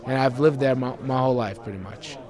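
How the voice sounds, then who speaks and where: A man's voice: mid-range voice, brisk, crowd noise. A young adult man from Greece, an MMA fighter giving a pre-fight interview in an earnest, rambling way, repeating words as he goes.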